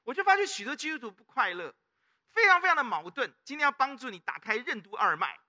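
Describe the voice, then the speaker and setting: A middle-aged male pastor with a Taiwanese Mandarin accent preaches a sermon in a very high, fast voice. He's animated, often prompting the congregation with questions in call-and-response fashion.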